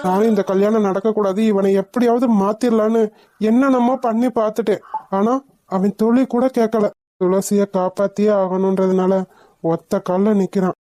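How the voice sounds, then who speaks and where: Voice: medium pitch, level tone, moderate pace, warm tone, natural voice. A performer voicing a caring older brother who consoles his crying younger sister in a village cartoon. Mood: consoling. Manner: soothing, consoling. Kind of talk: cartoon voice acting.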